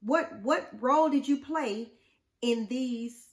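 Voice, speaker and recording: A woman's voice: a little high, slow. A woman co-hosting a casual relationship talk show, speaking bluntly and animatedly with many rhetorical questions. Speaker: podcast co-host. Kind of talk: casual chat.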